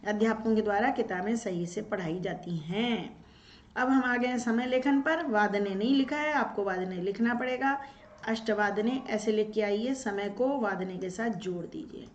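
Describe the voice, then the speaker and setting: A woman's voice: fairly high pitch, roomy sound. A woman teacher going through an exam paper, asking questions and answering them herself, step by step. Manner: explains step by step, asks and answers her own questions. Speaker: Sanskrit teacher. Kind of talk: exam-paper walkthrough lesson.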